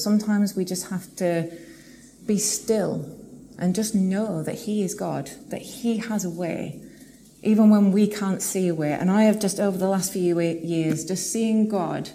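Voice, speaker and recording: A woman preaching a sermon in a church, earnest and reflective, slowing down to read scripture aloud. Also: on the low side, warm tone, a little hiss or hum. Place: church hall with live audience.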